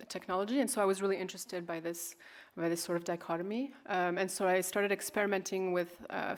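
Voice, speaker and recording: A woman in her thirties who grew up in California gives a festival talk about her work as an artist and fashion designer. Her voice sits on the low side, and she speaks unhurriedly and hesitantly, with many fillers and restarts.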